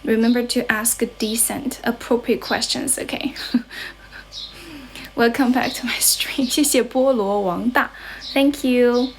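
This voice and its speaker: A young Chinese woman with a Chinese accent who teaches English, chatting casually on a livestream from her grandmother's house. She keeps rephrasing and translating herself between English and Chinese, and she sounds a little unwell and low on energy. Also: takes it slowly. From China.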